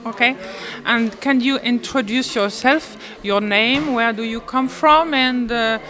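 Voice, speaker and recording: Woman interviewer, slightly high voice, halting and simple phrasing. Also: sharp tone. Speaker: interviewer, language student. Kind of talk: interviewing for community radio.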